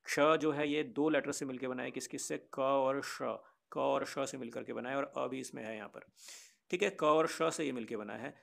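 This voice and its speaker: A man's voice: medium pitch, fairly even intonation, moderate pace, gravelly. A man teaching a grammar lesson, patiently explaining to children and often asking rhetorical questions. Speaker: Sanskrit teacher.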